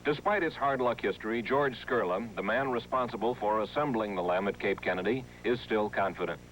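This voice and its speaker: A man's voice: lowish voice, brisk, a bit bright. An American man reading a scripted television news report as a correspondent. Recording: noisy vintage 1960s TV broadcast, hum.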